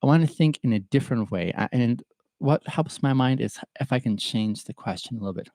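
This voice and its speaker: A man from Ethiopia hosting a solo podcast, talking through a question in a thoughtful, halting way with pauses and fillers. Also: medium pitch, animated, dark tone, dry recording. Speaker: podcast host answering viewer questions. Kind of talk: reflective solo livestream talk.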